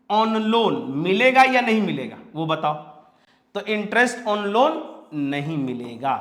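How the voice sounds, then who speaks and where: A man's voice: sits high, pushed and bright. A man from India teaching a commerce class, asking his students questions and repeating each point, with English terms mixed into his speech. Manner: mixes English terms into Hindi. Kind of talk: classroom lecture. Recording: roomy echo.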